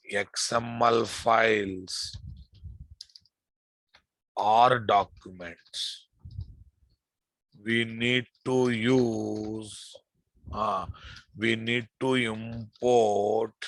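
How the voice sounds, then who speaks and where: This programming instructor, speaking with an Indian accent, lectures informally to a live class, repeating phrases and talking to students familiarly. His fairly low voice carries vocal fry and sounds pushed and bright, with no echo.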